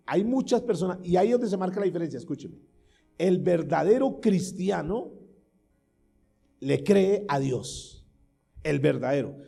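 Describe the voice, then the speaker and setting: A male pastor preaches with fervent emphasis, his voice set a little high but deeply dark and mellow in tone. He throws questions out to his listeners and slips into short prayers and the words of doubters. Faint music plays underneath. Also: gravelly, husky. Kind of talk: sermon.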